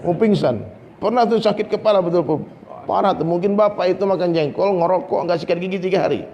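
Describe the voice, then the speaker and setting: A man from Indonesia's region, giving a lively, humorous sermon to an audience. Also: sits high, quick pace, muffled recording, a little hiss or hum. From Minangkabau, Indonesia. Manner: lively, humorous preaching, often addressing listeners. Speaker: preacher. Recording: long reverb, faint ambience.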